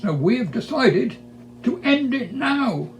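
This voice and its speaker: A performer voicing a glum, hopeless, croaking frog in a storybook reading. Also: medium pitch, very animated, slow pace, far from the mic, soft background music, voice pushed up, rough recording. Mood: gloomy, resigned. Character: glum croaking frog who has given up hope. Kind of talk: storybook character voice.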